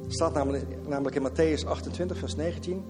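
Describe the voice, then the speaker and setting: A man with a fairly high voice preaches a sermon to his congregation, driving points home by repeating phrases and tossing in English catchphrases. His voice rings out through a reverberant church hall. Faint music plays quietly beneath him. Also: fast talker. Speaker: pastor.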